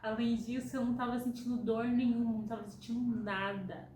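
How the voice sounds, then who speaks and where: A woman's voice: on the high side, a little fast, echoey room, slight background noise, poor audio. A young Brazilian woman telling a personal story in a chatty way, acting out the lines of people she quotes. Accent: Brazilian Portuguese. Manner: relaxed, chatty, acts out quotes. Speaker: vlogger.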